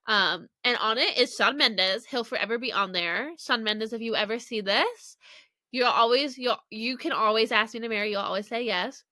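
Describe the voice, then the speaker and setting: A woman's voice: on the high side, moderate pace, pushed and bright, no echo. A young woman hosting a casual solo podcast, chatty and rambling with lots of "like", her voice a bit congested from a cold, recorded in her childhood bedroom. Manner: chatty, rambling, heavy use of "like". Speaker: podcast host.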